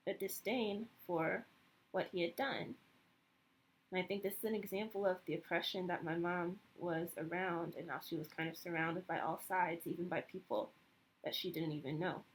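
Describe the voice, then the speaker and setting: Reflective, hesitant woman in her thirties. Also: lowish voice. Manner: reflective and hesitant, many fillers and restarts. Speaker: vlogger. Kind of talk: personal reflective monologue.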